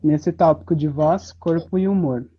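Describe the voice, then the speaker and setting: A woman guest in a casual interview, explaining things in a relaxed way with many fillers over a video call. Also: low-pitched, normal speed, husky. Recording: slightly muffled audio.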